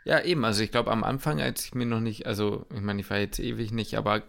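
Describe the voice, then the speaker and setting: A man's voice: lowish voice, fairly even intonation, fast, vocal fry, fairly bright tone. A young man in his twenties co-hosting a casual podcast, speaking loosely and hesitantly with frequent restarts. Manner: hesitant, loose and colloquial, stammers. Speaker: podcast co-host. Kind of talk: casual chat.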